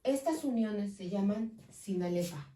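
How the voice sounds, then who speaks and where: A woman teacher with a Mexican accent giving a school lesson on poetic meter, slowly spelling out verses syllable by syllable and checking in with her students. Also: medium pitch, animated, dark tone, recorded from a distance. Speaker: secondary school Spanish teacher. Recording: roomy sound from away from the mic.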